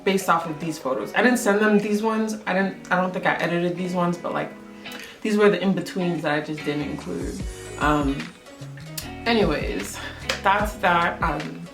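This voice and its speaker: A woman's voice: on the low side, normal speed, creaky. A young woman telling a story about her work as a photographer in a casual, chatty way, full of "like" and "um". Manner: chatty, lots of "like" and "um", acts out quotes. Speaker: photographer vlogger. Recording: roomy echo with music underneath.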